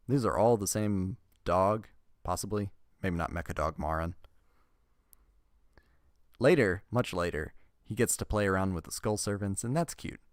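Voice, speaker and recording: A man's voice: low-pitched, dry recording. Dry-sounding man chatting through card reviews. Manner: chatty, wry asides, laughs through the reading. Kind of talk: casual card review, reading card text aloud.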